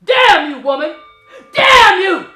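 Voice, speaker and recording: A woman's voice: fairly high pitch, sing-song, takes it slowly, a bit bright, full character voice. A woman acting a vain, arrogant male god on trial, with a grandiose, theatrical stage delivery. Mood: furious. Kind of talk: stage drama performance. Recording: roomy stage with music behind.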